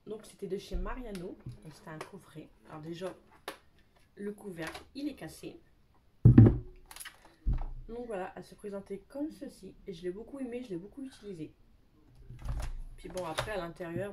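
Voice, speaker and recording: A young woman chats casually as a beauty vlogger, gushing and repeating words for emphasis. Her voice sits at an ordinary middle pitch. The home recording carries a clear layer of noise and scattered clicks. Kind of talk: casual show-and-tell chat.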